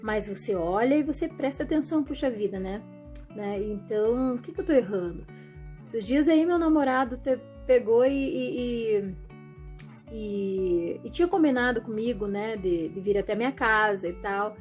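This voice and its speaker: A woman talking to her viewers in a chatty, animated way, often acting out what other people say. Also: on the high side, moderate pace, soft background music. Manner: chatty, animated, acts out quoted voices. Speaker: vlogger. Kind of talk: casual monologue to camera.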